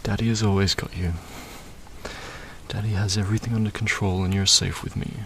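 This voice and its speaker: A man speaking softly in a comforting audio roleplay, soothing and murmuring, with frequent sighs and hums. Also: on the low side, flat delivery, brisk, background noise.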